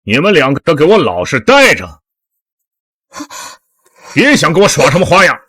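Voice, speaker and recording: A man's voice: on the high side, wildly swooping pitch, moderate pace, a bit bright, slightly rough, no echo, studio quality, exaggerated voice. An actor playing a cruel, mocking male kidnapper who sneers and threatens in a drama. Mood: menacing. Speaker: villain. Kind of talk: TV drama acting.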